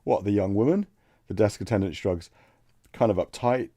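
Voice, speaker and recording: A man streaming a text adventure, reading the game text aloud and thinking out loud between passages. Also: lowish voice, moderate pace, dry recording. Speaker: let's play streamer.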